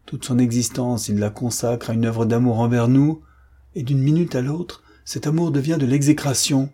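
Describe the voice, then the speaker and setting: A man's voice: mid-range voice, normal speed, dark tone, slightly rough, close to an everyday voice. A man voicing a young army captain who breaks into anguished, frantic outbursts in an audiobook. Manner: cries out in raised, frantic outbursts.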